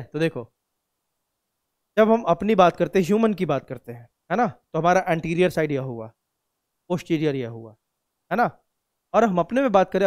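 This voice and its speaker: A man's voice: on the high side, darkish tone, clean tone, no room sound, studio quality. A male biology teacher, lecturing a class in a conversational way, asking questions and answering them himself and often checking that students follow. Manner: asks and answers own questions; frequent checks like "samjhe".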